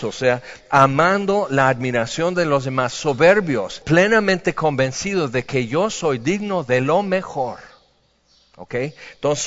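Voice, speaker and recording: A man's voice: on the high side, a bit bright. A man preaching a sermon in a conversational way, acting out the voices he quotes. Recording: dull recording with long hall reverb.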